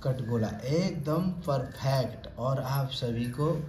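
Slow and darkish in tone, with a medium pitch, a cooking vlogger in his thirties chats through a casual home cooking demonstration. He talks to viewers as friends; the clip, shot on a phone held close, was made in a roomy tiled kitchen with faint background noise.

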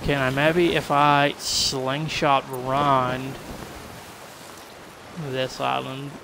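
This live streamer's voice sits in the mid range with little pitch movement, very slow delivery, and vocal fry. He chats casually with viewers, thinks aloud, and reacts to surprises as he commentates on the game, while ocean and ship sounds play in the background.

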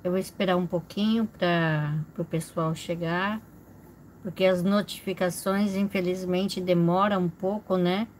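Slow-talking woman greeting her live viewers. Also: fairly low pitch, fairly even intonation, noisy background. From Brazil. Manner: slow, chatty, greets viewers by name with frequent small laughs. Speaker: livestream host. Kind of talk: casual live chat reading viewer comments. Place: indoor home room with a fish tank.

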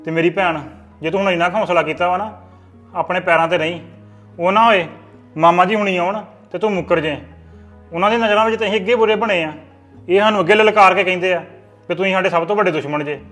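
An actor playing an earnest elder brother giving stern advice in a family drama. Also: male voice, sits high, fast talker, a bit bright, faint music behind. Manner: earnest, lecturing.

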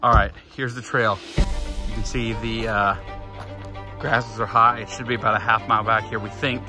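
A man's voice: lowish voice, little pitch movement, moderate pace, over music. A man in his thirties chatting through a travel vlog, upbeat with lots of fillers, filming himself on a phone at arm's length. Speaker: travel vlogger. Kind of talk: casual travel vlog narration. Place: outdoors and in a museum.

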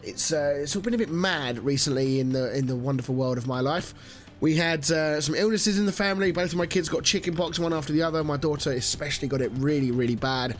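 A gaming channel host in his thirties, his voice nasal and stuffy from a cold, rambles chattily through casual let's-play commentary full of fillers. His pitch is fairly high and he talks quickly with hardly any pauses, while soft music plays in the background.

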